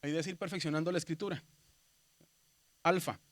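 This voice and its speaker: A man with a high-pitched voice speaks a little quickly while teaching a seminary class on the Greek alphabet. He is patient and repetitive, addresses his students as brothers, keeps saying "¿verdad?", and spells the letters out loud in this classroom lesson.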